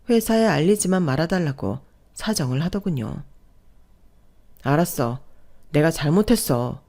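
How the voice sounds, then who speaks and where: A woman narrating a scripted personal story in a calm, even way. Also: low-pitched.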